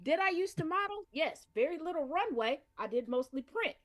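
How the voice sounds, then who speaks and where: A woman's voice: sits high, expressive, brisk, fairly bright tone. A woman co-hosting a podcast, chatting in a playful, boastful, teasing way. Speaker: podcast co-host. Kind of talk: casual chat.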